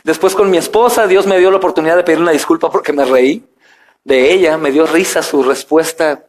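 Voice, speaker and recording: A man's voice: fairly high pitch, a little fast. A middle-aged man, a pastor preaching a sermon in a church, with rising, emphatic phrases and frequent direct address to the congregation. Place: church sanctuary.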